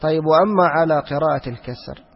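A man giving a religious lesson, who asks questions and answers them himself, repeats phrases and slows down to recite verses. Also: fairly high pitch, gravelly, husky. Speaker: teacher of Quranic exegesis. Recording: lo-fi recording with long hall reverb.

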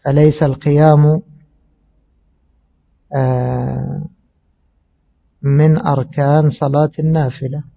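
A man giving a measured religious lesson on hadith, explaining slowly and pausing with fillers. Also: a little high, little pitch movement, vocal fry. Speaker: hadith teacher. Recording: tinny phone-like audio.

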